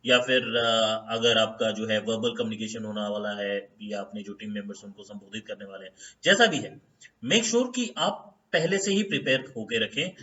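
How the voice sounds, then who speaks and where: Bright-voiced male HR consultant teaching. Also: mid-range voice, muffled recording. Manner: conversational, fills pauses with "theek hai" and "uh"; stresses English terms slowly when starting each step. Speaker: HR consultant, channel host. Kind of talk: informal lesson to camera.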